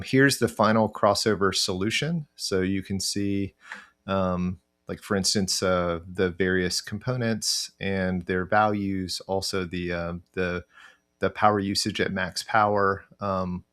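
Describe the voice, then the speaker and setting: Thinking out loud in a casual, halting manner, a middle-aged man guides viewers through software via screen share. He has a deep voice full of fry and a rather flat pitch range. He is a tutorial presenter recording his screen and webcam indoors.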